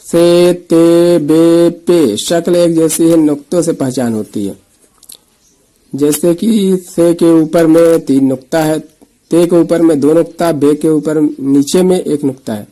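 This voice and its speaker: A man teaching the Urdu alphabet, patiently repeating letter names slowly and explaining each letter. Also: a little high, dark tone, low-quality recording. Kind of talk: slow letter-by-letter reading lesson.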